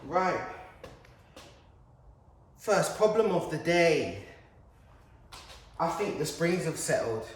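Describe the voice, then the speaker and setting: A man's voice: on the high side, sing-song, slow, long pauses. A man doing casual, self-mocking narration as he services his car, talking himself through each step. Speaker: home mechanic. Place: garage or workshop. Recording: very echoey, distant from the mic, faint ambience.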